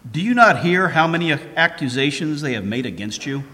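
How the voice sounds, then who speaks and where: A woman reading scripture aloud, voicing a Roman governor who questions in a pressing, loud manner. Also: low voice, expressive, fairly quick, pitched below the performer's own voice. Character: questioning male Roman governor Pilate, grown man. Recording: long echoing reverb.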